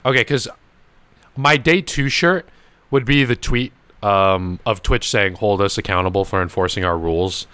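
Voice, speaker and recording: With a fairly low voice at normal speed, this young man hosts a podcast and spins a meandering anecdote packed with profanity and laughter. The sound is clean, with no echo, and the mood is a loose storytelling chat.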